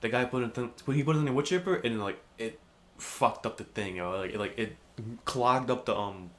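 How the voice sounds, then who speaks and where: A man's voice: medium pitch, brisk. A young man co-hosting a podcast, telling stories in a casual chat, swearing a lot and acting out what people said. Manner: swears a lot, animated storytelling, acts out quotes loudly. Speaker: podcast co-host.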